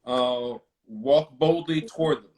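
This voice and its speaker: A man's voice: medium pitch, slow, a little mellow. A man hosting a casual live video chat, talking loosely with many fillers and restarts, and reading out viewer comments. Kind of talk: casual conversation.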